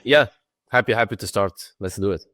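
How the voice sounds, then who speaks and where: A man speaking as a guest on a remote podcast interview, relaxed and rambling, with lots of "like" and "right". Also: fairly low pitch, a little fast, no room sound, studio quality. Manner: relaxed, rambling, uses many fillers. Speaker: podcast guest, tech company founder. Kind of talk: casual interview answers.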